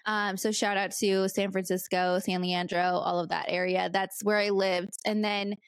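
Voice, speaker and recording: A woman from California hosting a podcast, telling stories in a relaxed chatty way with lots of "like" and laughs. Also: mid-range voice, normal speed, clean tone, no room sound, clean studio sound. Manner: chatty, many "like" fillers, laughs between lines. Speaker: podcast host. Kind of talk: casual storytelling chat.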